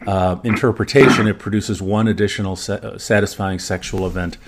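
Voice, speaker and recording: A podcast guest with a fairly low voice and German as his first language speaks steadily as a medical expert. His informal, conversational look at the evidence is measured, with caveats added to his claims as he proceeds.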